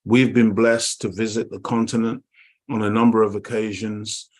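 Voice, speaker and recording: Speaking through an online call, a middle-aged man from Jamaica co-hosts a talk show with a fairly low voice, flat delivery and moderate pace. His monologue is impassioned and preachy, hammering points home by repeating words and calling out to his "dear family."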